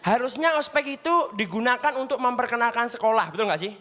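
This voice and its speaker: This young stand-up comedian talks fast in a very high, somewhat bright voice. Performing on a studio stage for a live audience, he keeps the tone chatty and keeps seeking the crowd's agreement.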